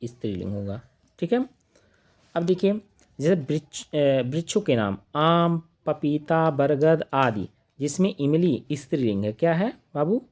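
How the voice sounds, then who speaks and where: A man teaching an online grammar lesson, listing examples one by one and asking questions that he answers himself in a lower voice. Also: lively intonation, a little slow, a little mellow. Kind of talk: live online grammar class.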